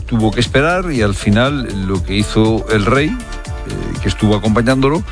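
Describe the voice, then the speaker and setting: A male radio presenter with an accent from Spain comments on the morning news. His voice is on the low side, and he phrases things deliberately, with hesitant pauses. Faint music runs behind him. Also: expressive.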